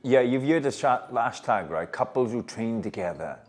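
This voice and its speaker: A man's voice: mid-range voice, animated, moderate pace, darkish tone, soft background music. A man in his thirties with a South Wales Valleys accent, chatting casually and teasingly in an interview. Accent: South Wales Valleys Welsh. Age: 30s. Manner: jokey, teasing. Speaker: body transformation coach.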